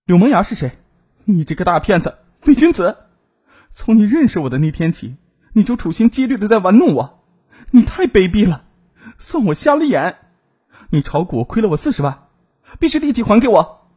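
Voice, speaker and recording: A man voicing a furious, jilted young woman who accuses her lover and demands her money back, in a shrill, scolding manner. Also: very animated, moderate pace, pauses often, warm tone, breathy edge, heavily acted.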